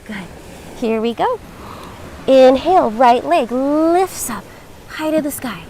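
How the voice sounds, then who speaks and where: Woman, yoga instructor, high-pitched voice, encouraging and reassuring, measured class cues, faint ambient noise. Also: lively intonation, warm tone.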